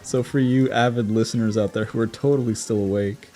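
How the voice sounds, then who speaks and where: A young man co-hosting a relaxed chat, often laughing and jumping in with quick replies. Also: lowish voice, faint music behind. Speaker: podcast co-host. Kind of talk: casual chat.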